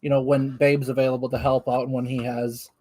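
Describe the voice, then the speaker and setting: A man's voice: mid-range voice, flat delivery, a little fast, mellow. A man co-hosting a live stream in casual chat, talking in a rambling, hedging, conversational way.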